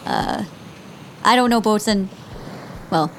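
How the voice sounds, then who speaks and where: A woman's voice: mid-range voice, lively intonation, slow, creaky, a bit bright, a little hiss or hum, poor audio. A woman chatting casually as a player in a tabletop role-playing game, hesitant and tentative. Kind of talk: casual role-play chat.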